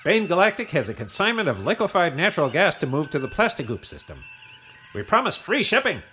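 A man's voice: a little high, huge pitch swings, a little fast, sharp tone, slight background noise, exaggerated voice. A man playing a pompous, wealthy starship captain who chuckles at his own jokes in a comedy audio sketch. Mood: smug. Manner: smug, chuckling, self-amused.

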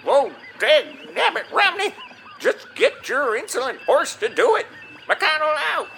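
A man playing a gruff, blustering old commodore who sounds like a grubby prospector, barking folksy orders in a comedy audio sketch. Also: very high-pitched, big pitch swings, measured pace, bright, forceful tone, soft background music, exaggerated voice. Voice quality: gravelly, twangy old-timer bark.

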